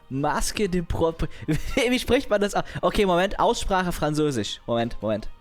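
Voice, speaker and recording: A man's voice: high voice, animated, slow, faint music behind. A young man chatting casually on a livestream, rambling in slangy, crude language and laughing often.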